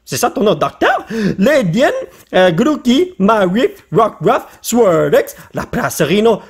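A man with a Quebec French accent, a father, joking and getting excited in casual commentary as he opens card packs on his channel. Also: high-pitched, takes it slowly, breathy edge. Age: adult father. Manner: excitable, jokey, drops English slang. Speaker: YouTuber opening card packs. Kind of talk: casual pack-opening commentary.

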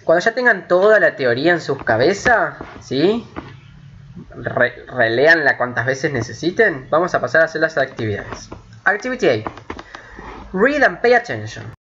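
Man, English teacher, bright and slightly high voice, patient and repetitive, dull lo-fi recording with faint hiss. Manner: patient, repetitive, checks understanding with frequent "ok?"; switches between Spanish and slow, carefully spoken English. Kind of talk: recorded online lesson explaining grammar.

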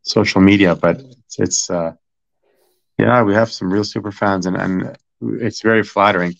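A man's voice: lowish voice, steady tone, moderate pace, vocal fry. A middle-aged man talking casually as an interview guest about his family's restaurant, rambling with many fillers and restarts. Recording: dull lo-fi sound.

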